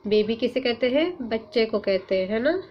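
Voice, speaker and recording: A woman teacher leading an online class for young pupils, drawing out letters and words slowly and asking coaxing questions. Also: fairly high pitch, expressive. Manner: slow, drawn-out sounding of letters and words; patient, coaxing questions to children. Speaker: Urdu teacher. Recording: muffled lo-fi sound, faint hum.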